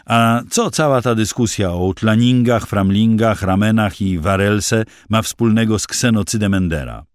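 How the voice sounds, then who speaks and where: A man's voice: fairly low pitch, moderate pace, clear, resonant tone, dry recording, clean studio sound, natural voice. A man voicing a stubborn young male student who challenges defiantly.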